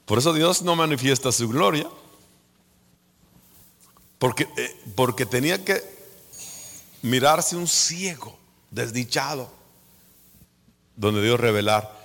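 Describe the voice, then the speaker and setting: Gravelly, slow Guatemalan preacher in a reverberant hall. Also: male voice, medium pitch, animated. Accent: Guatemalan Spanish. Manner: dramatic swings from hushed whispers to fervent shouts. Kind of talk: sermon.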